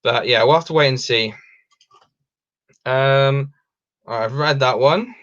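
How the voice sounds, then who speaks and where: A young Welshman hosting a casual livestream talks a little slowly in a mid-range, slightly bright voice. He reads out questions from viewers and rambles in reply, with many ums and restarts. The audio is dull and lo-fi.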